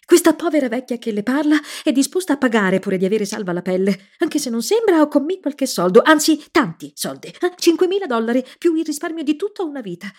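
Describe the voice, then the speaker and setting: A woman's voice: high voice, very animated, brisk, hardly any pauses, darkish tone, pitched above the performer's own voice. A woman voicing an anxious, melodramatic old nanny who prays and pleads fervently. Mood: desperate bargaining. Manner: fervent, fearful, pleading then defiant.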